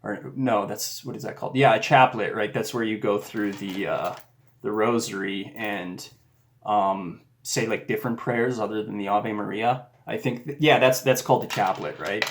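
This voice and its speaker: A man's voice: fairly low pitch, moderate pace. A man talking casually and earnestly about a personal faith experience, rambling with frequent restarts. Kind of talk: casual reflective monologue.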